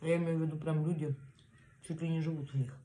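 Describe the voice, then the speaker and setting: A woman in her thirties chatting casually to the camera at home, chewing as she talks and pausing for bites. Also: deep voice, level tone, mellow. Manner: chewing while talking, with pauses for bites. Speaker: mukbang vlogger. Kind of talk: casual chat to camera while eating. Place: small room at home, indoors. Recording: clear background noise, cutlery and dish clatter. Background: cutlery and plates clinking.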